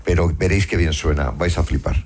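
Enthusiastic low-voiced male radio host. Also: steady tone, fast, a little mellow. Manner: enthusiastic, welcoming. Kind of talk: radio interview.

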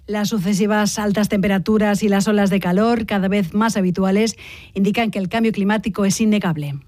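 A woman anchoring a radio news bulletin, reading the script in a brisk, steady newsreader manner. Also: mid-range voice, no room sound, clean studio sound.

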